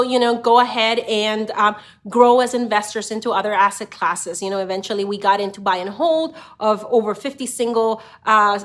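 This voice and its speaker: A middle-aged woman from Honduras speaks in a slightly high voice. She talks to camera in an easy, conversational way, often filling pauses with "you know." She sounds like a channel host telling her own story. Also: a bit bright. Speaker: real estate investor and channel host. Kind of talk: casual direct-to-camera talk.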